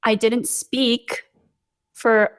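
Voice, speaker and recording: A young woman from Los Angeles, an artist, is a podcast guest in a casual interview chat, speaking hesitantly with lots of fillers and small laughs. Her voice is a little high and level, and she draws out her words.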